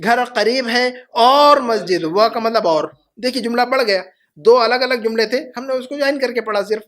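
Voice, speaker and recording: Male language teacher, very high pitch, patient, slow repetitions for the class. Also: a bit bright. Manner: patient, repeats phrases slowly for students. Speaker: Arabic teacher. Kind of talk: classroom lesson.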